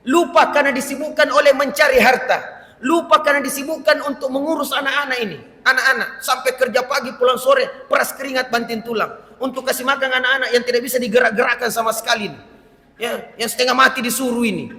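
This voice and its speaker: Animated high-voiced male preacher in an echoey hall. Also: fast talker. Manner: animated, scolding asides to children, laughs with the congregation. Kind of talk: mosque sermon. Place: mosque hall.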